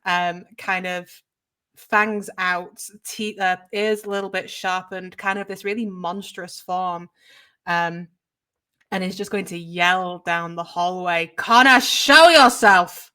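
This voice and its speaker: A woman's voice: lowish voice, little pitch movement, takes it slowly, sharp tone, clear, resonant tone. A woman playing in a tabletop role-playing game, casually thinking aloud with fillers and swearing. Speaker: player.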